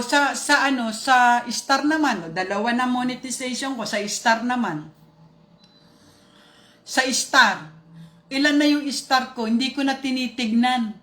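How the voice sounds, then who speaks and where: A woman's voice: high voice, fairly bright tone, echoey room. A woman chatting casually on a live stream, rambling and greeting viewers by name.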